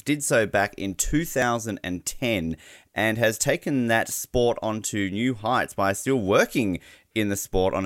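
A man's voice: fairly low pitch, fairly bright tone, no echo, studio quality. A man with an Australian accent hosting a sports podcast in a chatty, wordy, bantering way.

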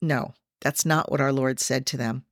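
A woman hosting a devotional podcast, speaking earnestly to listeners and slowing down to stress scripture. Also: extremely low pitch, steady tone, dry recording, clean studio sound. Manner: addresses listeners directly. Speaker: podcast host.

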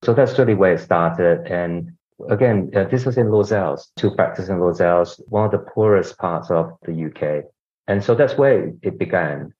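Speaking at a moderate pace in a low, darkish voice, a middle-aged Singaporean healthcare executive gives conversational podcast interview answers about his organisation. He often says "you know", and the audio quality is dull and lo-fi.

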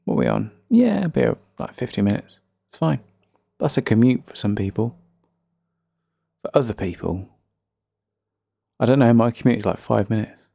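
A man's voice: mid-range voice, animated, moderate pace, vocal fry, long pauses, mellow, no room sound, studio quality. A man with a faint Birmingham accent hosting a casual solo music podcast, chatty, rambling and self-deprecating. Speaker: podcast host.

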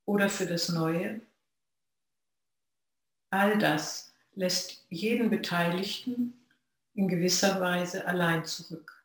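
A Zen practitioner gives a reflective dharma talk to a sangha, speaking in measured phrases with long pauses. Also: mid-range voice. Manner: slow, measured, pausing between phrases. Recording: very echoey room.

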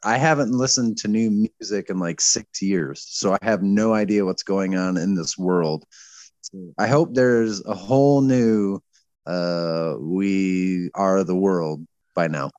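A man's voice: low voice, slow pace, a little mellow, dry recording, lo-fi sound. A man from a band who mixes records, talking in a wry, blunt way and swearing casually. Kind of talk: casual chat.

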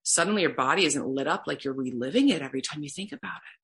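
Woman, guest, earnest, heartfelt, low pitch, bright husky tone. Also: lively intonation, fast talker. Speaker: clinical program representative. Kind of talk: conversational interview.

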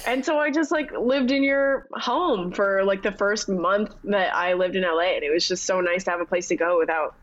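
A Canadian woman in her thirties, a TV sports reporter, guesting on a casual chat show and telling animated stories with quick laughs. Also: medium pitch, dull audio.

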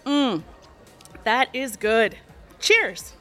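A woman plays a chatty, sly waitress in her thirties with a sweetly condescending way of talking. Her voice sits high and swings widely in pitch, with soft music under it. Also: big pitch swings, extremely slow, heavily acted. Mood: breezy. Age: 30s. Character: scheming woman bar waitress, aspiring actress. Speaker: cocktail waitress. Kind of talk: audio drama acting.

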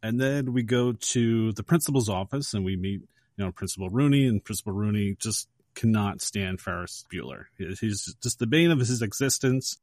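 A man's voice: fairly low pitch, moderate pace, darkish tone, dry recording, clean studio sound. A man co-hosting a casual movie podcast, retelling a film scene with energy and acting out the characters' lines. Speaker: podcast co-host.

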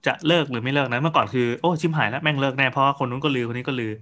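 A man hosting a casual tech podcast, telling stories in an animated way and swearing casually. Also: mid-range voice, very fast.

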